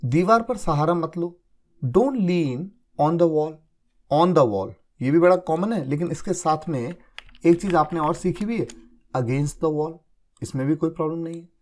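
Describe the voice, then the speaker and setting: A man's voice: on the high side, a little mellow. A man teaching spoken English, explaining each example patiently and checking that his students follow. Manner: explains patiently, checks understanding with repeated confirmations; reads English examples slowly and deliberately. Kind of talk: spoken English lesson in Hindi.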